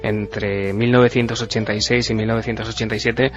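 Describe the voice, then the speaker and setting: A man on a radio panel explaining in a flat, somewhat hesitant way. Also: on the low side, a little fast. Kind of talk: radio talk show. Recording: dull radio audio with faint music.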